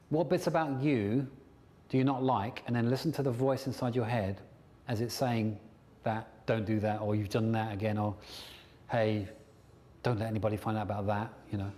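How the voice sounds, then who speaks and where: A man from England giving a lively self-development seminar, slipping into silly put-on voices to make his points. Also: mid-range voice. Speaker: NLP trainer. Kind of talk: seminar talk to an audience. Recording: long hall reverb.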